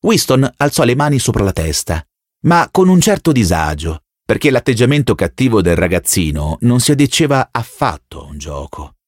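A man narrating an audiobook with measured, expressive storytelling. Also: medium pitch, no echo, studio quality. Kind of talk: scripted narration.

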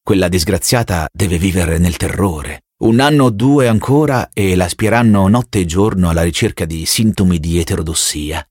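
A man voicing a weary, wary middle-aged man who quietly broods over his own thoughts. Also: deep voice, normal speed, hardly any pauses, dry recording, clean studio sound. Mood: brooding.

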